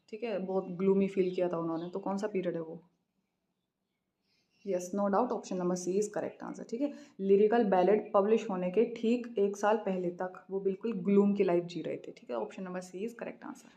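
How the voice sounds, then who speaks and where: An Indian woman teaching English literature in an exam practice lesson, reading each question slowly and then explaining quickly in a mix of Hindi and English. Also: mid-range voice, mellow, dull audio. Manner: repeats "theek hai" after each answer.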